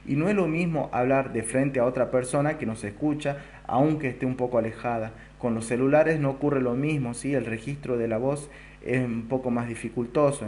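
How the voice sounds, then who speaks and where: A man teaching a recorded video lesson, explaining step by step and often checking in with a quick "¿sí?". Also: mid-range voice, dark tone. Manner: explanatory, keeps adding a checking "¿sí?". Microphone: close to the recording device.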